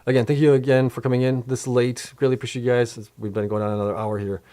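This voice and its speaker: A man's voice: mid-range voice, flat delivery, fast, mellow. A middle-aged man hosting a casual livestream, reading out and answering chat questions in a loose, rambling way full of fillers, his voice wearing out late in the night. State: voice getting worn out.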